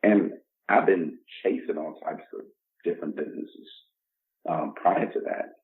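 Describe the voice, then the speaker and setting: A Bronx-born man in his 50s, guesting on a podcast, talks casually and motivationally in a low voice at a measured pace. He's emphatic and likes to act out imagined dialogue, and the lo-fi recording sounds dull and muffled.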